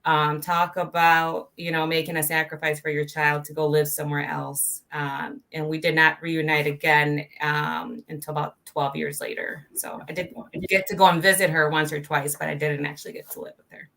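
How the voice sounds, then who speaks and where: A woman in her thirties, raised in Colombia, speaks as a podcast guest. Her voice sits a bit low yet rings bright and forward. She talks earnestly and gently, pausing on ums as she gathers her thoughts. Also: flat delivery, gravelly. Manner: soft-spoken, earnest, many ums. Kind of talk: casual interview.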